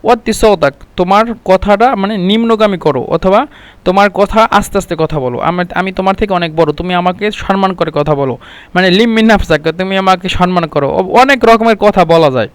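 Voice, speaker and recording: A man's voice: sits high, a little fast, smooth, dry recording. A man teaching Arabic phrases, saying each one several times and then translating it. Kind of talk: explaining Arabic phrases in Bengali.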